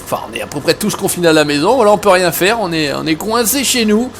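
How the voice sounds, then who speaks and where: A rambling, joking man from Savoie, France, talks his way through a farming game from home, his voice sitting a touch high for a man. He restarts sentences often and fills gaps with easy fillers, with a faint hiss of noise under his voice. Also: expressive, fast talker, a bit bright. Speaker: gaming video host. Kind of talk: casual let's-play chat.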